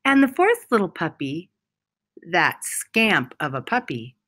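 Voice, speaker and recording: A woman with a lowish voice plays storyteller, reading a children's picture book out loud. She phrases things with deliberate expressiveness and puts emphasis on chosen words.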